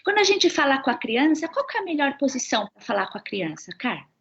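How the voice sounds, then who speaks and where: Woman moderator, fairly high and gravelly, asks and sums up, lo-fi. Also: sing-song, fast, fairly bright tone. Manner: asks guiding questions and sums up. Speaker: host and moderator. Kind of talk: live online health talk.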